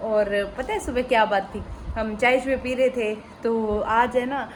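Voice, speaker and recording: A woman's voice: fairly high pitch, steady tone, unhurried. Woman, Haryanvi accent, young, casual home vlog, emotional storytelling, noisy phone recording. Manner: chatty, emotional storytelling with teasing asides. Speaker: family vlogger. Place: home kitchen.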